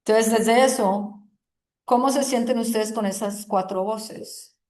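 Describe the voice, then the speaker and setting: A woman teaching a yoga group in a gentle, reflective way, often checking in with the listeners. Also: fairly high pitch. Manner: slow, soothing, asks "¿sí?" often. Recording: roomy echoing room.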